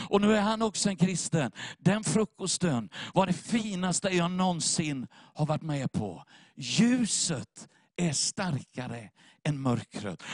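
A man's voice: fairly high pitch, dry recording, clean studio sound. A man preaching an evangelistic sermon, telling a story with emotion and building to impassioned appeals to the listeners.

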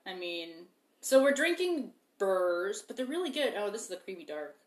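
A woman's voice: medium pitch, big pitch swings, normal speed. Rambling laughing young woman, echoey room. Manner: rambling, laughing, self-interrupting. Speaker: podcast co-host. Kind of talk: casual chat over beers. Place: living room at home.

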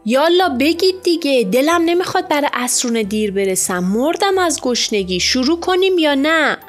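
A woman voicing an impatient, hungry chubby schoolboy in an audiobook, with whiny shouting. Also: high voice, lively intonation, soft background music, pitched above the performer's own voice, exaggerated voice. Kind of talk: audiobook character voice.

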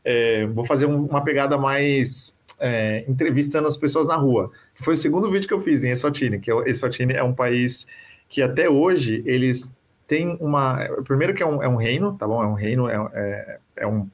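A man's voice: mid-range voice, normal speed. A man with a Brazilian Portuguese accent explaining himself casually as a podcast guest, often tagging phrases with little questions. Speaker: podcast guest, video creator. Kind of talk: casual interview talk.

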